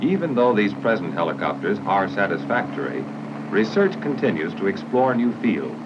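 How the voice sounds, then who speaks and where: For a 1950s military training film, an American man delivers formal instructional narration at a measured pace, his fairly low voice very animated. The old soundtrack is muffled and noisy.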